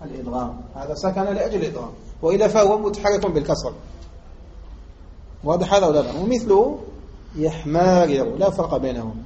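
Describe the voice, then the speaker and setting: A man from Algeria teaching a grammar text, pausing to ask his students questions and repeating key points. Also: fairly high pitch, animated, warm tone. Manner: asks students rhetorical questions and drills the point. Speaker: sheikh teaching Arabic morphology. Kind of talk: classroom lesson explaining a grammar text. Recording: muffled lo-fi lesson recording with faint background noise.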